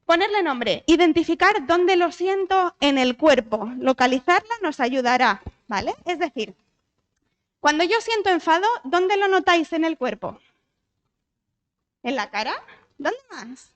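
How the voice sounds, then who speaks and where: A woman's voice: extremely high pitch, unhurried. A woman from Spain, a psychologist, giving a conversational talk in a church, often asking the audience questions. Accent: Spanish from Spain. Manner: lively, asks the audience questions, frequent tag questions. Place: church hall.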